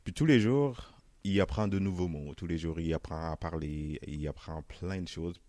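Young man, Senegalese French accent, very deep voice, casual interview, relaxed and chatty, dry close sound. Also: normal speed, dry recording. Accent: Senegalese French, softened toward Canadian French. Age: young adult. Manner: relaxed, chatty, laughs often, many "euh" and "tu sais".

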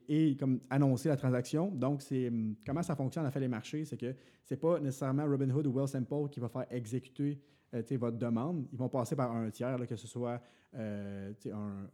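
Mellow Quebec French man explaining. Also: mid-range voice. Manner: explains at length with many fillers and restarts. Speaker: podcast co-host. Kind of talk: casual finance podcast talk.

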